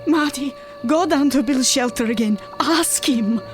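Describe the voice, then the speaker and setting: An actress playing a frightened, bitter suburban wife, urgent and distressed, in a radio drama. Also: female voice, sits high, unhurried, faint music behind. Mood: urgent pleading.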